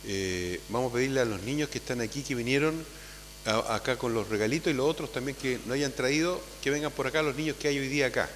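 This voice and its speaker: Priest preaching in a reverberant church. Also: male voice, medium pitch, fast. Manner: conversational, tags phrases with "¿ah?"; calls out loudly to gather children. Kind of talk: homily at Sunday Mass. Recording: long church reverb with faint hum.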